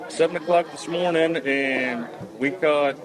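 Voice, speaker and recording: Male angler interviewee, slightly high voice, agreeable and conversational storyteller, outdoor crowd clearly behind him. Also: a little slow. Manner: quotes dialogue while recounting, agreeable. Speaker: amateur angler being interviewed. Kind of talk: casual storytelling chat.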